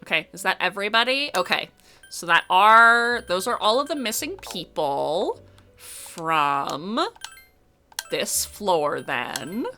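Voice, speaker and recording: A woman giving casual let's play commentary as a video game streamer, excitable and prone to sudden shrieks and shouts. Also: lowish voice, takes it slowly, faint music behind.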